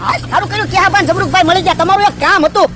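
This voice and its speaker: A timid old village grandpa from a cartoon, pleading in a Gujarati accent, as a performer plays him. The voice sits very high and the words rush out fast. A hiss of noise runs under the whole track. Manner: pleading, fast rustic chatter. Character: meek old village man, easily frightened.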